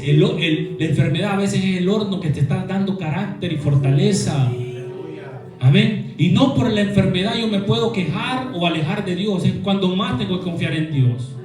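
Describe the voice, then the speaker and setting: A man's voice: sits high, far from the mic. A man preaching a sermon who asks the congregation to repeat his words and acts out complaining voices in quotes. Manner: call-and-response, asking the congregation to repeat. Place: church hall. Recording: echoey room, voice from off-mic.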